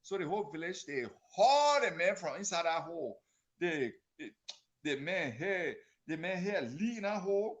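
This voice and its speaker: A man's voice: sits high, sing-song, normal speed. A man with a Liberian accent chatting and telling stories in exclamatory colloquial English, repeating phrases for effect. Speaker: storyteller and author. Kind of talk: animated colloquial storytelling and casual chat.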